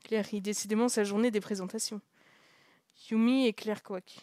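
A young woman streaming a story game, chatting and joking as she reads it aloud. She laughs a lot and slips into quiet asides now and then. Her voice sits at an ordinary pitch and sounds dry and close, with no room echo. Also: steady tone, moderate pace. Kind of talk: casual live commentary while reading a visual novel.

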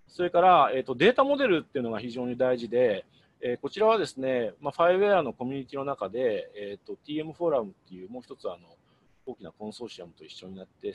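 A middle-aged man talks fast through a webinar slide deck, explaining each point and often pausing on filler sounds. His pitch rises and falls a lot as he goes. A faint hum sits under his voice. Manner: explanatory, with frequent hesitation fillers. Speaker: guest speaker.

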